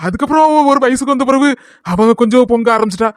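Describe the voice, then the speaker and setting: A man voicing a gentle, fussing elderly father in a cartoon, with a Kanyakumari Tamil accent. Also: very high voice, quick pace, clear, resonant tone, no echo, clean studio sound. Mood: fond. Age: older. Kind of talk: cartoon voice acting.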